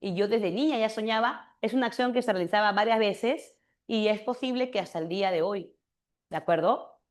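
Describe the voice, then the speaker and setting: A woman teacher giving a grammar lesson, acting out little dialogues and slowing down to stress example words. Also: medium pitch. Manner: acts out imagined student dialogues with quoted examples; checks understanding with tag questions. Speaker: language teacher.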